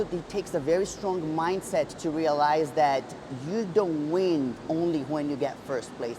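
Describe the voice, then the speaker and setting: A woman's voice: low-pitched, background noise. A woman in her thirties, a bodybuilder and coach, telling her story in an earnest, reflective way with many restarts. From Brazil. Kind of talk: personal storytelling vlog.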